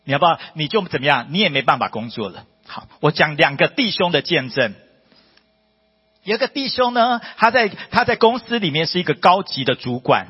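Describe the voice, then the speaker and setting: A man's voice: a little fast, breathy edge. A man preaching a testimony sermon to a church congregation, emphatic and full of rhetorical questions. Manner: emphatic, rhetorical questions, rising to high excited peaks. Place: church hall. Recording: dull lo-fi audio with long hall reverb.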